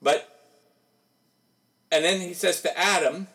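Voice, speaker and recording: Slow-speaking man preaching a sermon. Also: high voice, pushed and bright, poor audio. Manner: slow, conversational preaching with rhetorical questions.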